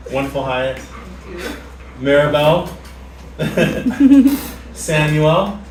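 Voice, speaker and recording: A man leading a casual factory tour, talking in halting starts and repeating his words. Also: fairly high pitch, very animated. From United States. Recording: roomy, distant mic, loud background noise.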